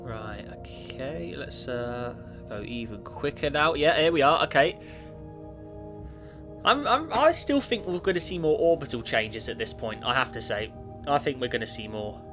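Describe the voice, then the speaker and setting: A man's animated, medium-pitched voice at a moderate pace delivers casual commentary as he plays a space sim for YouTube. He's got a cold and sounds sniffly, rambling, fixing his own words and talking back to the game while clear music plays in the background.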